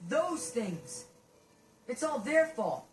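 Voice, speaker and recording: A terrified young boy lost in a ruined wasteland, played by a woman, pleading for help in a raised, high voice. His panicky pleas come from a short way off the mic in a roomy space. A faint hiss sits under the game sound. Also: sing-song, extremely slow, distant mic, heavily acted. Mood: frightened.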